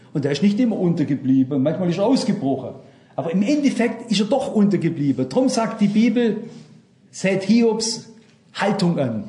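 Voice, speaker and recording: A man's voice: high-pitched, mellow, roomy sound. An older man preaching a sermon, fervent and speaking straight to his congregation with questions.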